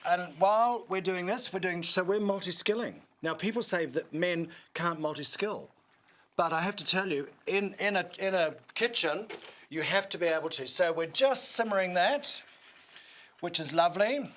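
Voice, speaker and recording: A man's voice: high-pitched, moderate pace, a bit bright. A man with a New Zealand accent demonstrating a recipe on a cooking show, chatty and instructive with joking asides.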